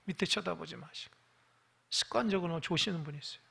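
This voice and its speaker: A male pastor preaching a sermon in a church. He asks the congregation direct questions and swings between loud, emphatic rises and hushed asides. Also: a little high, fast talker, creaky, slightly rough. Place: church sanctuary.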